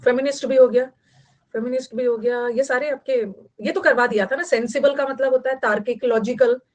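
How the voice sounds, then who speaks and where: Brief: woman teacher, fairly high voice, chatty online lecture, repeats words for note-taking. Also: fairly even intonation, brisk. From Bihar, India. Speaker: vocabulary teacher.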